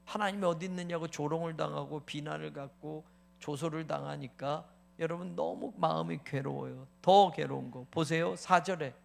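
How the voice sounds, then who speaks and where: A male pastor preaching a sermon, animated, asking rhetorical questions, addressing the congregation, and acting out mocking taunts and anguished prayers. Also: on the high side, normal speed, vocal fry, a little hiss or hum. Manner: addresses the congregation as "you all".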